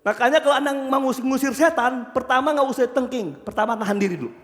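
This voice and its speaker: A man preaching a sermon, acting out the characters in his stories with loud, animated shouts and asking the congregation questions. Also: very high voice, fast talker. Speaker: pastor. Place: church. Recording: church hall reverb.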